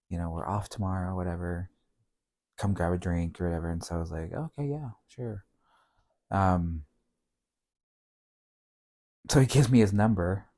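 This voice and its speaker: A middle-aged man, a podcast guest, telling a long story in a relaxed, rambling way with many fillers. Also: low-pitched. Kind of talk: casual storytelling.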